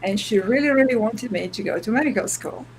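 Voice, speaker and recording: A woman's voice: mid-range voice, expressive, fairly quick, a little hiss or hum, rough recording. Middle-aged woman, laughing easily. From Romania. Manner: laughs often, warm and appreciative. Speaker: guest. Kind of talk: casual interview chat.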